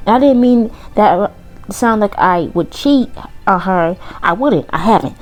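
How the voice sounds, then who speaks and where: A woman's voice: medium pitch, expressive, unhurried, a little mellow, natural voice. A woman voicing a teenage boy football player in a mock Southern accent, casual and backpedaling as he answers questions. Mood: defensive.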